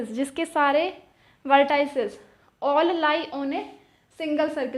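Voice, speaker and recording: A young woman teaching geometry, asking questions and answering them herself, repeating key terms in words. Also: sits high. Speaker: math teacher. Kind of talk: explaining at a whiteboard.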